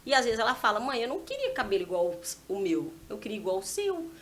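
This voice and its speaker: Speaking rapidly in a voice on the high side, a guest mother of a small daughter recounts a touching parenting moment for a church podcast. The tone is a relaxed, chatty testimony, and she acts out the conversation with her child with lots of animation. Soft room noise lingers underneath.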